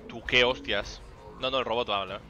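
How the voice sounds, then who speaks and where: A man's voice: mid-range voice, steady tone, a little fast, pushed and bright, muffled recording, soft background music. A young man with a Spain Spanish accent, chatting animatedly on a live game stream, telling an exasperated story and swearing often. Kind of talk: casual live-stream chat while gaming.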